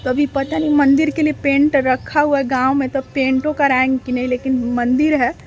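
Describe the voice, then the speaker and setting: A woman's voice: high-pitched, level tone, moderate pace, highs cut off, faint music behind. A woman reaction vlogger, chatting casually to her viewers, full of rhetorical questions and repeated phrases.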